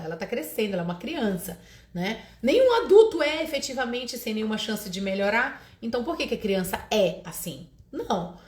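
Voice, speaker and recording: A woman with a Brazilian Portuguese accent hosting a parenting podcast. She gives casual advice and keeps adding tag questions and restarting her sentences. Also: fairly high pitch. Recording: roomy echo.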